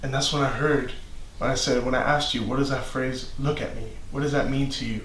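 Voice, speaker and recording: A man's voice: medium pitch, fairly even intonation, fairly quick, a bit bright. A man telling how he saw a shadowy figure in his house, in an urgent, spooked way. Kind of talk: casual storytelling. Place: room in a house. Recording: echoey room, faint background noise.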